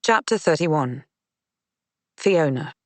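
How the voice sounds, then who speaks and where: A man narrating a mystery audiobook in a measured, even reading. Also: fairly high pitch, dry recording. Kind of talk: scripted narration.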